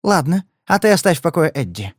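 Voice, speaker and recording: A man's voice: fairly high pitch, very animated, brisk, no room sound, studio quality, pitched above the performer's own voice. A male reader voicing a furious young gangster's woman who shrieks and mocks. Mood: shrill, scornful. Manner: shrieking, scornful.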